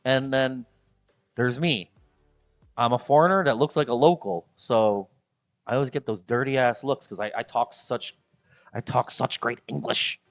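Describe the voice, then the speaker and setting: Faint music plays behind the man as he talks at a moderate pace to his stream audience. He's a Chicagoan with a Midwestern accent, based in the Philippines, and his banter is rambling, jokey and repetitive, complete with high-voiced impressions of people.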